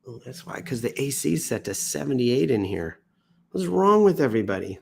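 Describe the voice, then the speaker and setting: An American man hosts a livestream indoors, reading news posts off the cuff with jokey, theatrical flair, swooping into exaggerated emphasis and self-mocking asides. He sounds sick and tiring, coughing now and then. His mid-range voice is very animated, brisk, creaky and a little mellow, with a little hiss or hum.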